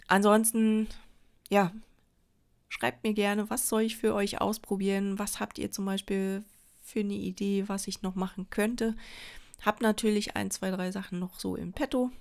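Gravelly-edged and mid-range, this German woman's voice belongs to a crafting vlogger from Berlin. She rambles chattily while working at an indoor table, her casual talk full of fillers and restarts.

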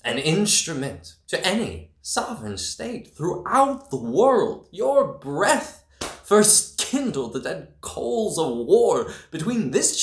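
A young man performs a proud, defiant prince in a Shakespearean stage monologue. He declaims formally and very slowly in a lowish voice. The room adds a noticeable echo. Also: a bit bright, full character voice. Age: 20s. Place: indoors, small room against plain backdrop. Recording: roomy, echoey small room.

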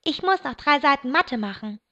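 Woman reader doing a stressed teen sister, high, raised voice, muffled lo-fi sound. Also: animated, moderate pace, fairly bright tone. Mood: weary. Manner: agitated, raised voice. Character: excitable teenage girl, stressed younger sister. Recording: dull lo-fi recording.

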